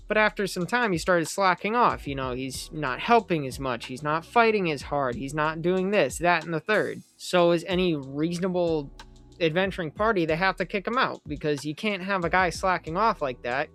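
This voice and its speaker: A young man in a casual review vlog, his voice sitting a bit high. He rambles with animated asides and throws in quick questions to the viewer. Faint background music plays under his talk. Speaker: manga reviewer.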